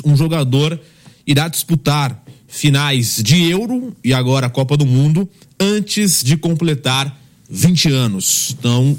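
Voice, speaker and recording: A man hosting a football panel, measured and pausing on fillers. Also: mid-range voice. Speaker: host. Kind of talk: sports panel commentary.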